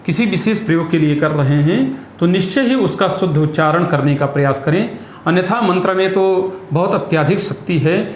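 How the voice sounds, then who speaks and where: A man speaks in a measured, instructive manner, explaining ritual practice and slipping in Sanskrit terms. His voice sits a little high. The room is echoey, with faint noise behind him. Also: animated. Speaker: astrologer and priest guest.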